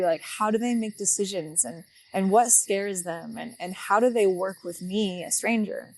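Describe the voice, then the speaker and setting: A woman's voice: fairly low pitch, vocal fry, a little mellow, low-quality recording. A young woman telling a personal story in a casual, reflective way, with frequent fillers. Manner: reflective, unhurried, many fillers. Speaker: guest telling her story.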